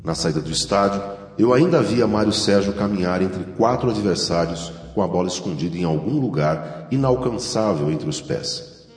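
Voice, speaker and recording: Casting: low-voiced male narrator, literary scripted reading, roomy reverb and faint music underneath. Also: expressive, moderate pace, a little mellow.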